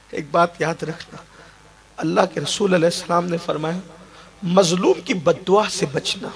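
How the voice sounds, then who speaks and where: High-voiced male preacher. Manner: storytelling with rising emotional emphasis. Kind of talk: emotional Islamic sermon.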